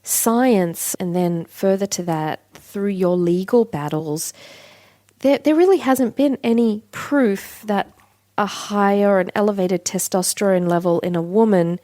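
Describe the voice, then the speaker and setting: Calm and measured, a woman hosts a public radio interview from a studio, reading introductions clearly and asking gentle questions. Her voice is mid-range, with no room sound.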